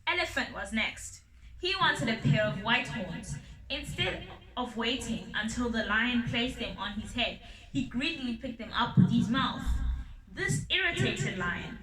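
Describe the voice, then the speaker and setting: A woman reads a children's story aloud at an unhurried pace, stumbling now and then and starting words over. Her voice sits a little high. The recording is roomy, and she sounds some way off from the mic. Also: bright, forceful tone, far from the mic. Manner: unhurried, with small slips and restarts. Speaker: storybook reader.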